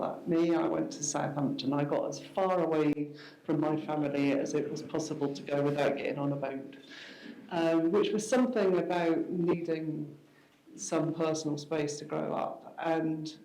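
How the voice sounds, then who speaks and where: Her voice sits low, gravelly and dark as she speaks on stage at a live event, the hall-like acoustics giving it a roomy sound. In her sixties and raised in Scotland, this guest speaker shares her story conversationally, dry and self-mocking, with frequent restarts and fillers.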